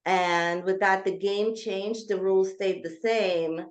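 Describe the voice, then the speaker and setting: A woman's voice: medium pitch, steady tone. A woman in her thirties, from Georgia, a guest author telling her life story in an interview with earnest, hesitant phrasing full of ums. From Georgia (former Soviet Union). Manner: earnest, frequent ums, speeds up and slows down. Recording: echoey, dull lo-fi remote audio.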